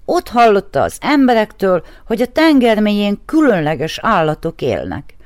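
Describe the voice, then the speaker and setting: A woman's voice: mid-range voice, very animated, dry recording, clean studio sound, pitched above the performer's own voice, lightly acted. A woman voicing a grumpy raven who speaks curtly and insists on his wish. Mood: insistent. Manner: curt, insistent.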